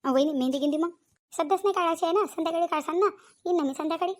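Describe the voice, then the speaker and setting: A woman acts out a young bride-to-be in a cartoon who speaks politely and accommodatingly. She has a high, quick voice and a Varhadi accent from Vidarbha. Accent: Varhadi Marathi, Vidarbha. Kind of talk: cartoon voice acting.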